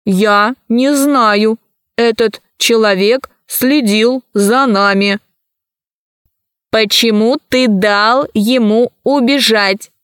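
A storybook robot speaks in a slow, even, toneless robot voice that shows no feeling at all, as a woman reading aloud puts him on. He talks at a deliberate crawl, pitched a touch high for a machine. The sound is dry and close. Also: smooth, no echo. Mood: flat. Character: emotionless male robot, slow flat speech.

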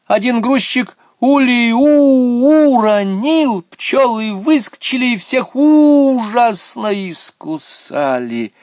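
An excitable clown girl from a children's story, played by a man in a very high, shrill voice. She shouts and exclaims, all close and dry. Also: slow pace, hardly any pauses, no room sound, full character voice. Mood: shouting.

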